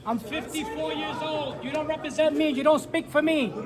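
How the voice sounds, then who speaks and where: A man in his fifties from New York, heckling at an outdoor rally, shouting and repeating taunts in English and Spanish. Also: very high voice, steady tone, normal speed. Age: 50s. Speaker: street protester. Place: outdoors by a city building. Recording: crowd and street noise. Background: crowd, traffic.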